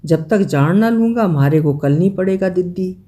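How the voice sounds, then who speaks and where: A man's voice: high-pitched, animated, normal speed, dark tone. A reader voicing a stubborn king who keeps pressing for an answer. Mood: insistent. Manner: pleading, insistent. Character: insistent king, pestering and stubborn.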